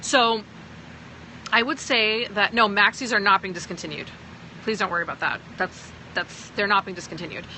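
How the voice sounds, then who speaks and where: A sales team leader from Pakistan who sounds American answers viewers on a phone livestream, talking at normal speed in a bright, forceful, mid-range voice. The recording is low quality with slight background noise, and she's emphatic, often checking in with "okay?"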